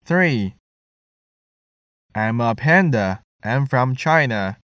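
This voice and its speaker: A man reading English listening-test items clearly and deliberately, repeating each sentence. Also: mid-range voice, lively intonation, fairly bright tone, no room sound.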